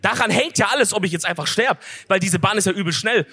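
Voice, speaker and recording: A young man co-hosting a live podcast on stage, telling a story in excitable, slangy casual chat. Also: high voice, fast, husky. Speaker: podcast co-host. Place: stage in a concert venue. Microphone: handheld stage mic.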